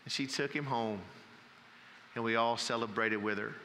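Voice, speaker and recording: Male pastor, bright ringing tone, storytelling sermon, long church reverb. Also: mid-range voice, steady tone, moderate pace, a little hiss or hum. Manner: folksy storytelling, drops to a hush for emphasis. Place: church sanctuary.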